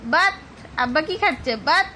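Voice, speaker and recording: High-voiced coaxing Bangladeshi mother. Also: lively intonation, moderate pace, sharp tone, a little hiss or hum. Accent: Bangladeshi Bengali. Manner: coaxing, repetitive questions to a toddler. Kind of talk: home vlog baby talk.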